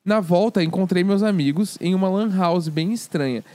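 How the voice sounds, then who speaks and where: Man, high voice, podcast co-host, reading emails, animated, dry close sound. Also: moderate pace, no echo. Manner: lively, animated reading with casual swearing. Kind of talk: reading listener emails aloud.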